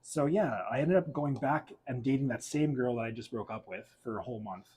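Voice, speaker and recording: This young man was born in Portugal and grew up in Alberta, in western Canada, and he candidly tells his life story as a guest in a casual chat, laughing often. His mid-range voice is brisk, dark in tone, and slightly rough.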